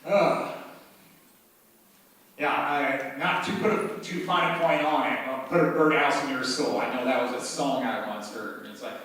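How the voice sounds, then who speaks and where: A man with an Upper Midwest American accent doing a rambling, halting spoken-word monologue at a bar open mic, full of fillers and dry asides. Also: mid-range voice, steady tone, a bit bright. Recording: echoey bar room, mic at a distance.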